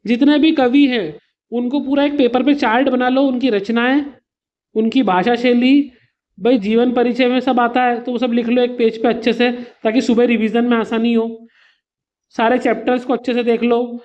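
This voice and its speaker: A man's voice: very high voice, level tone, moderate pace, a little mellow, dull audio. A man teaching an exam revision lesson to students. He explains patiently with simple examples, calls his students "beta" and slips English words into his explanations.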